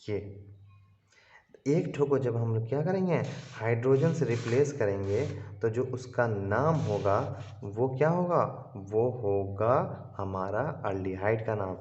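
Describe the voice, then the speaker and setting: A male chemistry teacher giving an online class lecture, explaining slowly and repeating himself, and asking the students' questions aloud for them. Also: medium pitch, darkish tone, slight background noise. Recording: roomy, dull lo-fi sound.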